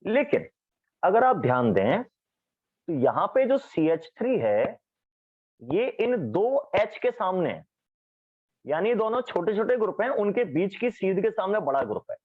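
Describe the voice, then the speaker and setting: A male chemistry teacher lectures in a classroom, his slightly high, slightly rough voice swinging up and down at an unhurried pace. Lively, he keeps asking his students questions as he explains. The recording is thin and phone-like.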